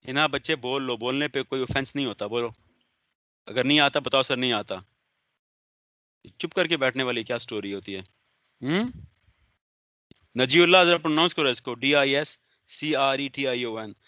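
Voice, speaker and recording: A man's voice: medium pitch, brisk, long pauses, bright, forceful tone, dry recording, muffled recording. A male business law lecturer, giving an online class, stern and sarcastic as he calls on students by name. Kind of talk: online lecture, scolding and explaining.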